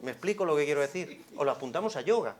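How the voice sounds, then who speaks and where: Psychologist lecturing expressively. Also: male voice, a little high, fast. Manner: expressive, swings from hushed to loud, many rhetorical questions. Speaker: psychologist giving a conference talk. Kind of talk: conference lecture. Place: conference hall.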